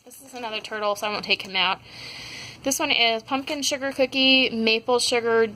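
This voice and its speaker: A woman's voice: a little high, fairly even intonation, fairly quick, sharp tone, poor audio. Chatty young woman with lots of ums. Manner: rambling, many ums and likes. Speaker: wax melt haul vlogger. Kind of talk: casual product review chat. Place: home.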